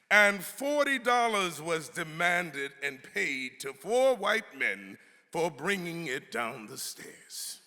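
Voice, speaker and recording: A man dramatically reads an 18th-century pamphlet, delivering the formal historical text in an emphatic, oratorical manner. His voice is a little high, bright and forceful, and the recording has a long hall reverb.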